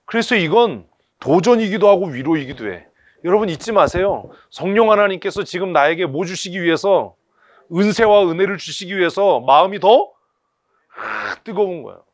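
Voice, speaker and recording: A man's voice: high-pitched, lively intonation, normal speed, dry recording. A man preaching a sermon in blunt, colloquial speech full of rhetorical questions. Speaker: pastor. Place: church service.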